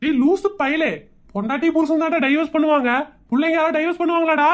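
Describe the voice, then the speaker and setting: A woman's voice: high-pitched, quick pace, close to an everyday voice. A woman voicing an exasperated cartoon dad. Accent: rural Tamil Nadu. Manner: exasperated, scolding. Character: exasperated village father and husband. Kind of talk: cartoon comedy voice acting.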